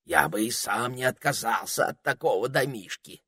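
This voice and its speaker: A man voicing an awed, humble male companion in an audiobook, speaking softly and reverently. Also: mid-range voice, animated, normal speed, slightly rough, dry recording, studio quality, pitched above the performer's own voice. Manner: soft, reverent.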